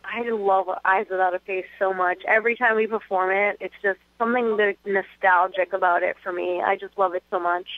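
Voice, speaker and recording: A woman's voice: mid-range voice, fairly even intonation, a little fast, hardly any pauses, no echo. A woman, a band member guest, talking eagerly in a phone interview. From Lowell, Massachusetts. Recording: tinny phone line.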